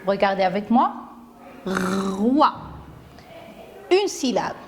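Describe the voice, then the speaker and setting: A woman's voice: a little high, expressive, slow. A woman teacher gives a phonics lesson to young children. She says each word carefully, repeats it, and breaks it into syllables. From Morocco. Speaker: primary school teacher.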